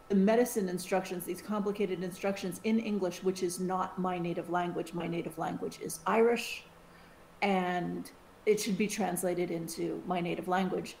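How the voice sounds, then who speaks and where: A middle-aged American woman co-hosts a podcast, chatting casually and animatedly with lots of restarts and side remarks. Her mid-range voice is gravelly, and the recording sounds roomy with a faint hiss.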